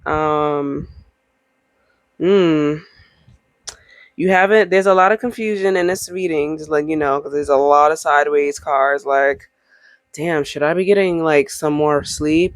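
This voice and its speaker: A woman's voice: sits low, fairly even intonation, slow, no room sound. A woman giving a casual, encouraging tarot reading straight to the viewer, talking in a chatty way with emphatic asides. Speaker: tarot reader.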